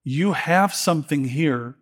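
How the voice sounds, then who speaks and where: A middle-aged male pastor delivers a sermon in an earnest, emotional way, stumbling and restarting as he goes. His voice sits a little high for a man. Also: measured pace.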